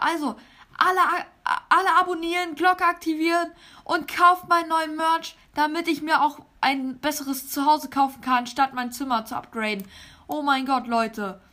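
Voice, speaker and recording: A woman in an exaggerated high put-on voice, playing an overhyped star YouTuber while narrating a game with constant excited exclamations. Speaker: let's player. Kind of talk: gameplay let's play.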